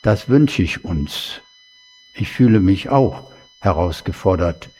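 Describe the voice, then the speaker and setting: A man preaching a sermon in a slow, conversational way, with chatty asides to the congregation. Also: low voice, animated, darkish tone, breathy edge. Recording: long hall reverb.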